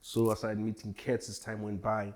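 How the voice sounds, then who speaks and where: Low-voiced guy in his 40s from tanzania, easygoing, just chatting, kinda rambly. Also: monotone, normal speed, a little mellow. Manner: laid-back, rambling, chuckles often. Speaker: guest hip hop artist. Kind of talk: casual interview chat.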